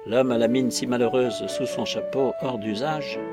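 A man narrating a classic novel in a measured, literary reading. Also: mid-range voice, fairly even intonation, loud music behind the voice. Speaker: audiobook narrator. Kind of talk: scripted narration.

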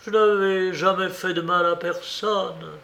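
A man's voice: high-pitched, fairly even intonation, measured pace, creaky, bright, forceful tone, voice pushed up, exaggerated voice. A man reading a storybook who voices a wounded, betrayed mistress of the house, accusing and reproachful. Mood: bitter reproach.

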